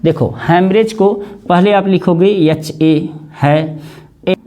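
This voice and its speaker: Slow, patient Hindi-accented teacher. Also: male voice, sits high, dark tone. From India. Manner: slow, repeats each word and spells it letter by letter. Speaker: English spelling teacher. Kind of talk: spelling lesson, explaining word by word.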